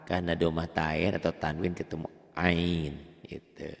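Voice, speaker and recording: Indonesian guy teaching tajwid to beginners, asks himself questions then answers, slow and draggy, kinda echoey. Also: level tone, creaky. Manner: explains plainly, then chants Arabic examples slowly in a high voice. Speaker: Quran recitation teacher.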